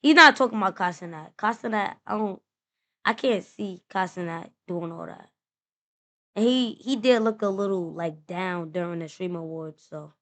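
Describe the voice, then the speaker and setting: A woman's voice: lowish voice, normal speed, a bit bright. New woman streamer, blunt and slangy. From New York. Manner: blunt, slangy, thinking aloud. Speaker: streamer reacting to a clip. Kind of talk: live stream reaction chat.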